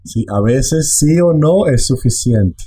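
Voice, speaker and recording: A man teaching a language online, explaining slowly and repeating phrases. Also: medium pitch, expressive, mellow, breathy edge.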